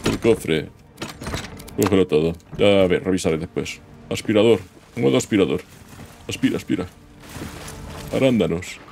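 A man's voice: low voice, normal speed, gravelly, pauses often, a little mellow, a little hiss or hum. A man giving casual gameplay commentary, chatting to himself as he plays and letting out sudden yelps. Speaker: gaming YouTuber. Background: game music.

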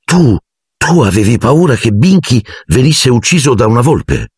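Guy doing a serious brainy teen girl in an audiobook, higher voice, bit husky. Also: sing-song, normal speed, darkish tone, no room sound, studio quality. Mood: earnest. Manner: earnest, reasoning. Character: clever teenage girl, earnest and logical. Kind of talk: audiobook character voice.

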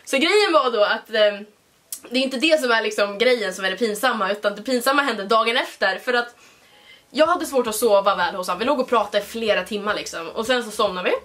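A young woman vlogger telling a story in a casual, animated way, full of fillers. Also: fairly high pitch. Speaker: vlogger host.

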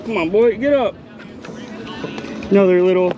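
Young guy on a boat, highish voice, chatty and hyped, action cam audio, music under it. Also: moderate pace, dull audio. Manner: excited, chatty, calls viewers "guys" and "bro". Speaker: fishing vlogger host. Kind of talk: casual running commentary. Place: outdoors on a small boat on a bay. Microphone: body-worn action camera.

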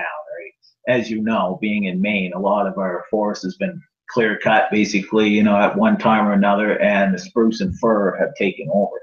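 A man from rural New Brunswick, Canada, a guest on a video call, talking in an easygoing, plain-spoken way. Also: on the low side. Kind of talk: casual interview chat. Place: room at home. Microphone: webcam on a video call. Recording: muffled, echoey webcam audio.

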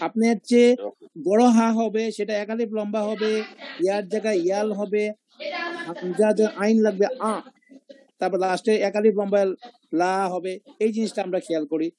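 A man's voice: high voice, steady tone, normal speed, dark tone. A man teaching a Quran recitation class over a video call, explaining pronunciation step by step and repeating sounds. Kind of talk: online class discussion.

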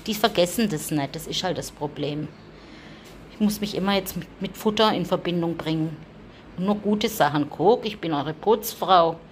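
A woman's voice: moderate pace, a little hiss or hum. A woman, talking casually to her viewers and cooing at her cats while she cleans, now and then coughing from her allergy. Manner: chatty, coos and calls to her cats in a high sing-song. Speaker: vlogger. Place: room with cats, indoors.

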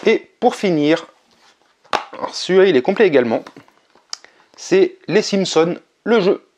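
A man narrating a casual vlog, relaxed and chatty, with frequent hesitations. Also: sits high, measured pace, slight background noise. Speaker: video game collector vlogger.

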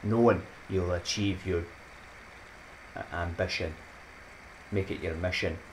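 In a rough recording with slight background noise, a Scottish YouTuber in his thirties speaks in a low voice at a measured pace and fairly even intonation. Sitting in a small, dim room at home, he gives a casual, rambling, upbeat vlog outro, laughing at his own jokes and sharing motivational sayings.

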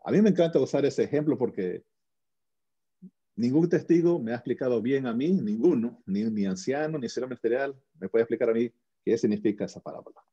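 A man with a very dark, husky voice speaks as an interview guest, earnest and conversational. He restarts his sentences often and keeps checking in with tag questions. The audio is muffled and lo-fi. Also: medium pitch, lively intonation, fairly quick. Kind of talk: casual conversational storytelling.

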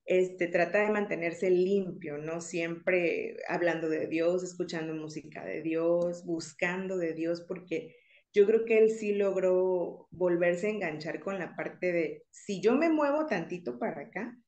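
A woman's voice: fairly low pitch, measured pace, a little mellow. A woman thoughtfully sharing a personal faith testimony in a conversation. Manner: reflective, thoughtful, with filler words.

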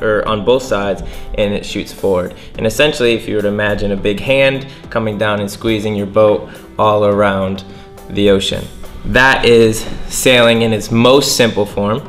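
A young man hosts a casual lesson indoors by a window near the water, gesturing as he explains sailing in plain words. His voice is fairly low and moves at a moderate pace, with soft music in the background.

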